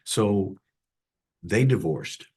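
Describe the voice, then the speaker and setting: A middle-aged man, a chaplain, telling his personal faith story as an interview guest in an earnest, emotional way that drops to a hush at hard moments. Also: lowish voice, expressive, extremely slow, husky. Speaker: chaplain and CPE director, guest.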